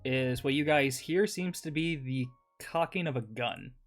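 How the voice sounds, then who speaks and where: A man runs a tabletop game as game master, his voice mid-pitched and ordinary. He keeps stopping and restarting his sentences, and faint music plays under him. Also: unhurried. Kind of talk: running a tabletop game over voice chat.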